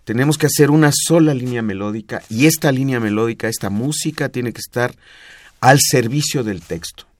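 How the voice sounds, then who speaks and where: A man's voice: mid-range voice, brisk, dry recording. A man with a Mexican Spanish accent, explaining music history in a didactic, patient way on a radio talk show. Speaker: music expert guest.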